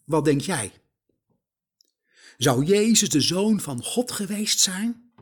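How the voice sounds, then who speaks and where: A man preaching a sermon, slow and emphatic, putting rhetorical questions straight to the listener. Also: sits high, animated, husky.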